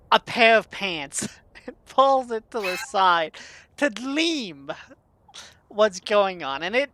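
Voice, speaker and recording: A woman runs the table as dungeon master, narrating in a loose, rambling way full of fillers and laughs. Her voice sits at a middle pitch. The sound is dry and close. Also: a bit bright, no echo. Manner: laughing often, loose and chatty with many fillers.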